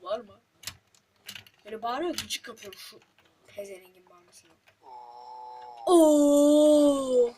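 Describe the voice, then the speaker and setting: High-pitched swearing gamer woman. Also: slow, long pauses. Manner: frustrated, swearing, talking to the game. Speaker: gaming channel host. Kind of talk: let's play commentary. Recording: loud keyboard clicks and noise.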